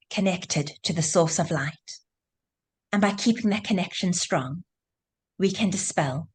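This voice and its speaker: A woman's voice: fairly low pitch, a little mellow, breathy edge. A woman giving a holiday talk over a video call, telling a story expressively and acting out the quoted voices.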